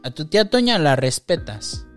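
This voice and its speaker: A young man with a Mexican Spanish accent, co-hosting a casual podcast chat, slangy and quick to laugh. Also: a little high, very animated, soft background music. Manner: slangy, laughs often, acts out quotes. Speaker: podcast co-host.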